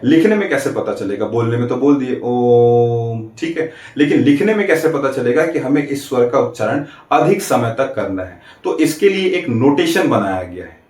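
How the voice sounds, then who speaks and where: A man teaching an exam-prep grammar class, walking through each point and checking in with quick rhetorical questions. He stretches out vowels to show how they sound. His voice sits a little back from the mic in a roomy space. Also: medium pitch, a little mellow, far from the mic. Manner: explains step by step, asks rhetorical checks; draws out vowels to demonstrate.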